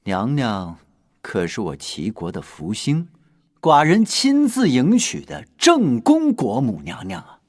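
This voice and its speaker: An actor playing a lovesick king in a costume TV drama, wheedling and self-pitying, swinging from loud outbursts to hushed asides. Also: low-pitched, sing-song, a little slow, dry recording, clean studio sound. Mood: brooding. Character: lovesick grumbling male king, middle-aged.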